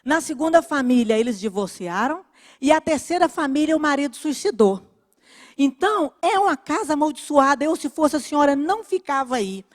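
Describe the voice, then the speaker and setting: A woman voicing an anxious, superstitious older woman neighbor who gives hurried, fearful warnings, in a sermon. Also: high voice, animated, big-room sound, pitched above the performer's own voice. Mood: worried warning.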